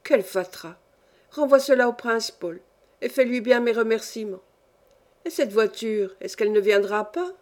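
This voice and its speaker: A woman's voice: fairly high pitch, expressive, normal speed, darkish tone, natural voice. A woman reading a story aloud, voicing an imperious, capricious old countess who scolds and gives orders in a peevish, querulous way.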